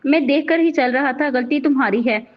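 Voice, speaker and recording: A woman voicing a gentle, soft-spoken young man who turns firm when provoked. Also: high-pitched, normal speed, close to an everyday voice. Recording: dull lo-fi recording.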